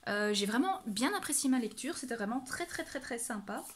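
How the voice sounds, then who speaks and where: A woman's voice: fairly high pitch, expressive, fairly quick, fairly bright tone, husky. A woman giving a casual monthly reading update as a book vlogger. She gushes about what she read and talks off the cuff, often restarting and correcting herself. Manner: gushing and exclamatory about books.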